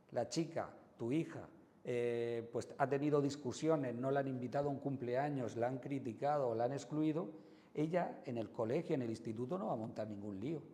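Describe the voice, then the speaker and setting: A man with a Spain Spanish accent giving expressive educational advice to parents as a psychologist, swinging between loud and soft as he acts out examples. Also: medium pitch, long reverb tail. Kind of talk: educational talk to camera.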